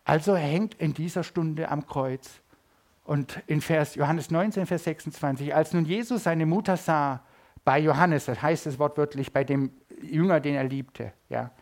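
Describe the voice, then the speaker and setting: The preacher, a middle-aged man from Germany, speaks at a measured pace with a fairly high voice. During the church service his sermon swings from loud emphatic passages to quiet asides.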